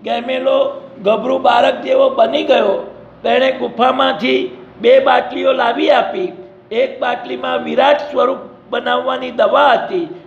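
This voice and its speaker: A man's voice: extremely high pitch, vocal fry. A man narrating a storybook adventure dramatically, in an echoey, dull lo-fi recording.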